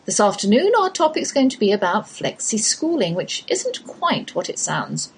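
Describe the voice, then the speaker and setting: Chatty English woman hosting a podcast, slightly husky. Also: mid-range voice, very animated, normal speed. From England. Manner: chatty, homely storytelling with wry asides. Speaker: podcast host. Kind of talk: scripted podcast monologue.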